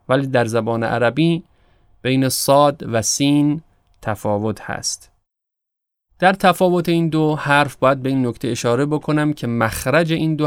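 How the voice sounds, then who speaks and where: A man, teaching prayer pronunciation in a slow, careful instructional style. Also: mid-range voice, smooth, no room sound, clean studio sound. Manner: slow, careful demonstration of Arabic letters. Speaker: Quran recitation teacher.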